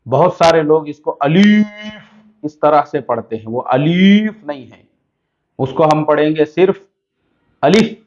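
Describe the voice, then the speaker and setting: A man's voice: fairly high pitch, a little mellow, muffled recording. A man from India teaching a beginner's lesson on reading Arabic letters, drawing out each sound and explaining patiently. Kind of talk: Urdu Arabic-alphabet lesson.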